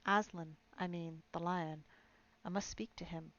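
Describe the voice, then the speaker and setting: A woman's voice: on the low side, fairly even intonation, a little slow, fairly bright tone, muffled recording. A woman voicing a determined, anxious young boy who speaks urgently and breathlessly.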